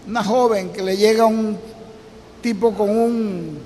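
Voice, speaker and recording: A Venezuelan preacher with a remarkably high voice tells stories from the pulpit, acting out the people's words and shouting the climaxes. His voice rings through a hall with a long echo. A faint background hum sits under everything. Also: fairly even intonation, takes it slowly. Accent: Venezuelan Spanish. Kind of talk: storytelling sermon. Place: church meeting hall. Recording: echoey hall with faint ambience.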